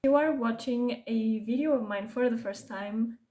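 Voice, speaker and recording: This clip has a slightly high, warm female voice at ordinary pace. She's a young Portuguese beauty vlogger with a Portuguese accent, English being her second language, casually talking through her makeup with wandering tangents and self-corrections.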